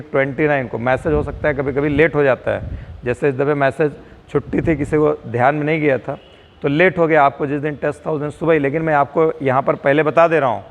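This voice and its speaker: A man teaches physics to students on camera. He urges and scolds them to study hard, in a slightly high, gravelly voice. The recording has a long, echoing reverb. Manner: urging, scolding and advising students. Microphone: camera mic.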